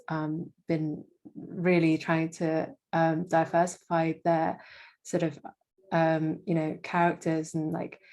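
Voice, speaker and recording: Young woman guest, low and even in pitch, hesitant and full of fillers. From Indonesia. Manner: hesitant, many fillers and restarts. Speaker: guest, freelance marketing manager. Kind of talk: casual interview.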